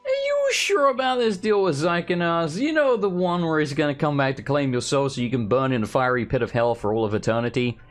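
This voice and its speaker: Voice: medium pitch, sing-song, fairly quick, hardly any pauses. A game player giving casual, sarcastic, wisecracking commentary with some swearing. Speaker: let's player.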